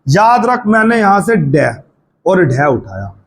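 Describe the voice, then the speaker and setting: Male Hindi tutor with a high voice, talks to the student informally, asks and answers his own questions. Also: big pitch swings. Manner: drawls words out slowly to spell out sounds. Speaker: Hindi teacher. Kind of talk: classroom-style video lesson.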